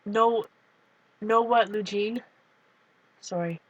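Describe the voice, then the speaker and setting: Taking things slowly, a woman with a medium-pitched voice chats in a rambling manner while going through her art journals on her home couch. Her accent is Canadian with some Minnesota in it, and the audio is lo-fi but free of echo.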